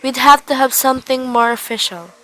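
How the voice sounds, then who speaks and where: A woman playing a formal, unhelpful telephone company official in a suspense radio drama, with a measured, officious manner. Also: high voice, a bit bright, rough recording. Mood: officious, doubtful.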